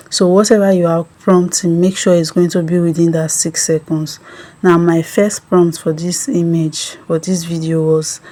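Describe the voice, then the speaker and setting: Tutorial host: woman, deep and even-toned, explains each step with ums. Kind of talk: screen-recorded app tutorial.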